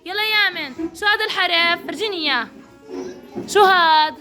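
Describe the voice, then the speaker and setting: A woman's voice: very high-pitched, fairly quick, music in the background. A woman with a Levantine Arabic accent teaching a kindergarten class, encouraging and praising each child by name. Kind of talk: classroom instruction.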